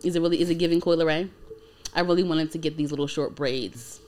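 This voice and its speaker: A woman's voice: deep voice, fast talker, a little mellow. A woman in her twenties co-hosting a casual podcast, talking in a loose, rambling way full of likes and ums. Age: 20s. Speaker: podcast co-host.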